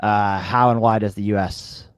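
A man's voice: on the low side, fairly even intonation, normal speed, clear, resonant tone, no echo. A man hosting a podcast who playfully steers the chat and puts questions to his co-hosts. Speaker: podcast host. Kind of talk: casual podcast moderation.

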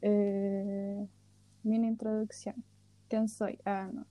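A woman in her early twenties with a Chilean accent co-hosts a casual podcast in a mid-range, warm voice, speaking slowly and flatly. She jokes, mocks herself, and laughs often, with no echo in the recording.

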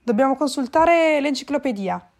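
Fretful scholarly tomcat, high and loud when stirred, read by a woman. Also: moderate pace, creaky. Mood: excited. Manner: excitable, repeats words, rises sharply in pitch. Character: fussy bookish male cat, easily dismayed.

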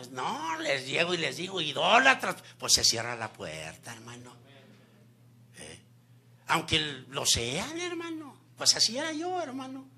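A man preaching a sermon, keeps addressing the listeners as brother, and swings between loud emphasis and soft near-whispers. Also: on the high side, slightly rough. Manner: lively preaching with frequent "mi hermano" asides.

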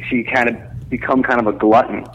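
A man's voice: medium pitch, flat delivery, normal speed, a bit bright, breathy edge. A man calling in over the phone as a guest interviewer, chatting casually with some fillers. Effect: heard over the phone. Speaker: guest caller, entertainment interviewer. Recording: dull lo-fi phone audio.

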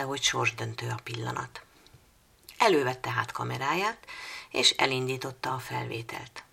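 Woman reading a story in a very low voice. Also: gravelly, bright, forceful tone. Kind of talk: storybook narration.

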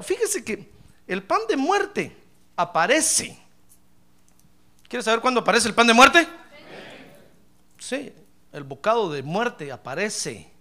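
A man's voice: sits high, bright, forceful tone. A man preaching a sermon to his congregation, emphatic and often calling out to his listeners. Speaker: pastor.

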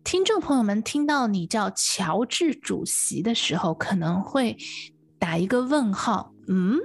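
A woman's voice: medium pitch, big pitch swings, measured pace, gravelly. A woman hosting a radio interview, addressing listeners and her guest with frequent exclamations.

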